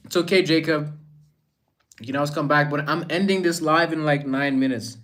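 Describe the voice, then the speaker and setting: A man's voice: on the high side, fairly even intonation, normal speed. Guy on a livestream, casual chat, greets everyone in the comments. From Rwanda. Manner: chatty, greets and shouts out viewers by name. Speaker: livestream host.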